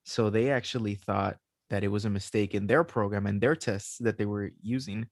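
A man's voice: fairly low pitch, moderate pace, no room sound, clean studio sound. A man hosting a casual podcast chat, loose and swearing, laughing as he explains. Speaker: podcast host.

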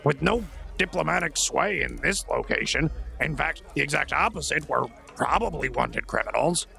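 A man playing his character in a tabletop game, blunt and animated. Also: a little high, moderate pace, gravelly, soft background music. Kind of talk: in-character tabletop role-play.

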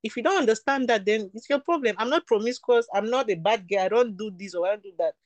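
A young woman from Cameroon speaks fast in a slightly high voice, with no echo in the recording. As a guest and beauty product entrepreneur, she talks frankly and informally in the interview, emphatic and returning to the same points again and again.

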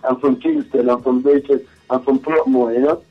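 A man's voice: mid-range voice, fairly even intonation, normal speed, phone-quality sound, soft background music. A man from Jamaica with a Jamaican accent, a rapper and young label owner calling in, talking casual and slangy. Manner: laid-back slangy talk with "you feel me". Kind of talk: casual interview call-in.

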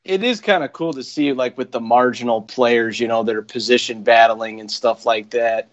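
Laid-back man, halting podcast chat. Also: medium pitch, dry recording. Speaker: podcast co-host. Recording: dry, dull lo-fi audio.

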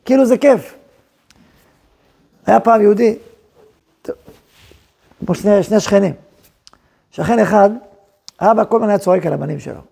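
Male rabbi teacher, high, gravelly voice, lively Torah lesson with acted-out quotes. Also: long pauses. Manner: animated, acts out quoted speech and asks rhetorical questions. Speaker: yeshiva head rabbi teaching.

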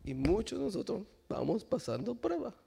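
A male pastor preaching a sermon, swinging between low quiet passages and shouted climaxes, acting out quoted dialogue, with frequent restarts on words. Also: wildly swooping pitch, moderate pace, gravelly, breathy edge. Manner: stumbles and restarts on words, switches briefly to English.

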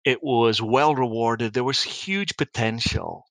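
A man's voice: mid-range voice, slow pace, creaky, a bit bright, no echo, rough recording. A middle-aged man with a Scottish accent, a business founder telling his story in an interview in a wry, reflective, anecdotal way with frequent restarts. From Scotland.

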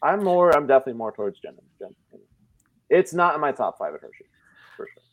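A man's voice: fairly high pitch, big pitch swings, fast talker, rough recording. A man chatting casually as a podcast guest, giving his opinions in a conversational, explanatory way.

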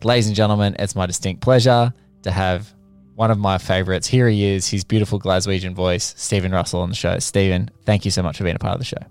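A man with a fairly low voice hosts in a casual, enthusiastic style. He is effusive and colloquial, and tends to ramble from one phrase into the next. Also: steady tone, quick pace, clean tone, faint music behind. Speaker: podcast host.

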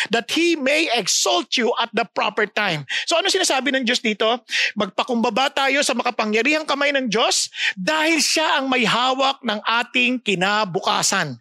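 Filipina lady preaching, bright voice, dry close sound. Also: high voice, no echo. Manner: expressive, rhetorical questions to the audience. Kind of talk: sermon.

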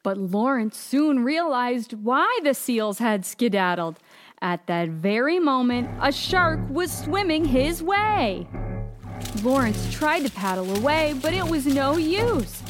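A woman narrating a children's story in an expressive, animated way. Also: high voice, takes it slowly, faint music behind.

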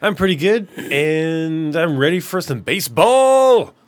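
A man's voice: on the high side, animated, measured pace, dry recording. A young man co-hosting casual sports commentary, tossing in laid-back, dry quips and reading a batting lineup. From Minnesota. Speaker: co-host and color commentator.

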